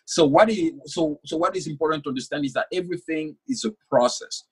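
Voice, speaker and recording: The young man, whose first language is French, is an author speaking earnestly in a conversational interview and tends to repeat words while thinking. His husky voice sits high, moves with lively intonation and runs at a quick pace.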